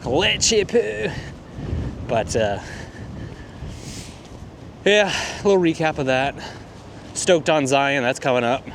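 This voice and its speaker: A man's voice: mid-range voice, normal speed. A man who is a landscape photographer, talking in a rambling, laid-back, self-deprecating way on a casual walk-and-talk vlog outdoors on a cold morning. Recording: wind buffeting the mic outdoors.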